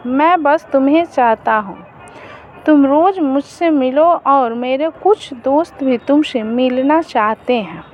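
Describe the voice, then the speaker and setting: A woman's voice: high voice, slow pace, a little mellow, highs cut off, soft background music. A woman voicing a smug young man who blackmails his girlfriend, in a mocking, coaxing tone. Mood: taunting.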